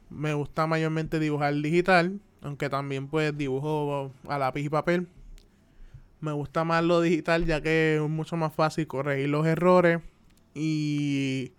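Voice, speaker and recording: A man in his twenties from Puerto Rico, with a fairly high, smooth voice and a Puerto Rican Spanish accent, hosts a casual solo podcast. He chats loosely, filling his talk with lots of "este" and "pues."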